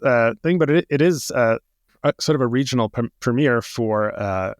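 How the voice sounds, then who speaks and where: A man's voice: medium pitch, normal speed, no room sound, studio quality. A man co-hosting a theater podcast, talking casually and hesitantly, often repeating words as he goes. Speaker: podcast co-host.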